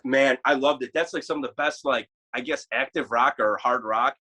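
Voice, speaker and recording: Bright-voiced man with a Chicago-Polish accent. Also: mid-range voice, normal speed, husky. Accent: Chicago with a Polish tinge. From Poland. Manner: animated storyteller who acts out quotes. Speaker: guest guitarist. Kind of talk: casual interview chat.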